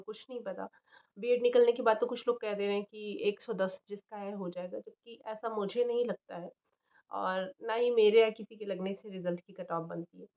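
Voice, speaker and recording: A young woman chatting casually about exam results, thinking aloud with fillers and restarts. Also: medium pitch. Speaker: channel host, teaching job aspirant. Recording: slightly dull lo-fi recording.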